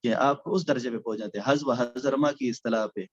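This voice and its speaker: A man's voice: medium pitch, dull audio. Man teaching in a hesitant lecture. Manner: explanatory, many hesitation sounds. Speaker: Quran recitation teacher. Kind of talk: recorded lecture.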